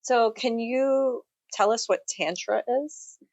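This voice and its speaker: A woman's voice: fairly high pitch, slow, a little mellow, dry recording, muffled recording. A woman hosting a podcast, asking curious questions and encouraging her guest. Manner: curious, encouraging, frequent backchannels. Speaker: podcast host. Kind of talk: podcast interview.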